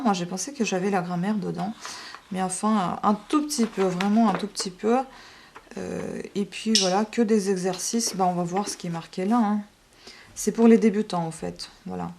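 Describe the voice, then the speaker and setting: A woman's voice: fairly low pitch, a little mellow, a little hiss or hum. A woman vlogger showing her study materials in a casual chat, hesitant, with frequent fillers and restarts. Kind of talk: casual show-and-tell vlog.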